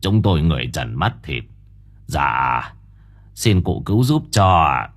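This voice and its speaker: A man voicing a kindly, stooped old village elder who speaks gently and with concern, a little lower than his usual voice. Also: very animated, a little slow, full character voice.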